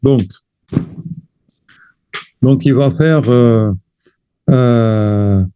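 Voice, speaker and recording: A man teaches a chant lesson at a very slow, deliberate pace, pausing to sing short chant phrases. His pitch sits in a middle range. The recording is thin and tinny, like a phone line. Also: mellow, clean tone. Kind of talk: teaching lesson with sung examples.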